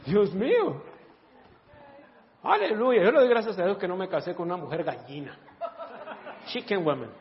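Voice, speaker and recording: A man's voice: sits high, lively intonation, brisk, in a large hall, dull audio. A man preaching a humorous sermon, laughing often and acting out voices.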